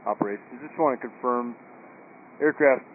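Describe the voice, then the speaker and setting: A faint hiss sits under a narrow radio channel. On it a man of medium pitch talks as an airport rescue responder in short procedural phrases. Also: moderate pace. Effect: two-way radio. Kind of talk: radio confirmation exchanges.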